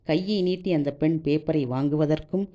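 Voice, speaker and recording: Storyteller, female; low pitch, warm tone, steady expressive novel reading. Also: normal speed. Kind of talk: reading a serialized novel aloud.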